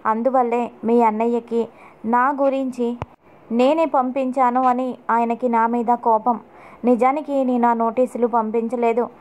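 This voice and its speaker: A woman's voice: fairly high pitch, little pitch movement, a little slow, darkish tone, close to an everyday voice. A woman voicing a distressed young wife who insists on her story, read in her own voice. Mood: urgent.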